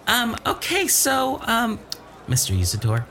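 A man voicing a tiny, flattering male imp who cheerfully eats other people's garbage. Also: extremely high pitch, a little slow, slight background noise, heavily acted. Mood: eager. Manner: eager, people-pleasing, flattering, giggly.

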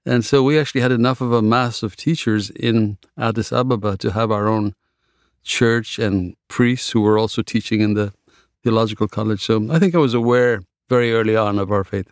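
A man raised in Ethiopia, a physician and novelist, answering interview questions in a measured, reflective way. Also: lowish voice, no room sound, clean studio sound.

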